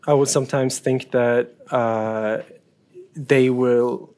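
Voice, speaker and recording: A man's voice: mid-range voice, fairly even intonation, slow pace, a little mellow. A man in his early twenties speaking on a panel in a hesitant way, often restarting his sentences. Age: 20s. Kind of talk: panel discussion.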